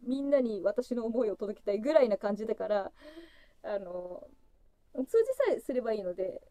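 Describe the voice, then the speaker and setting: A woman in her thirties hosts a casual solo livestream, opening fan gifts and chatting freely. Her voice is dark-toned and fairly quick with no echo, and she's giggly, breaking into frequent laughter as her voice jumps high.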